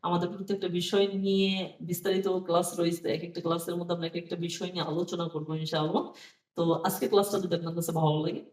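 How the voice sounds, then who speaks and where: A man teaching Quran reading in a calm classroom style, explaining each rule slowly, repeating it and chanting short rhymes to help it stick. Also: sits high, distant mic. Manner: slow, deliberate explanations, repeats each rule and often says "হ্যাঁ". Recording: echoey room, voice somewhat off-mic.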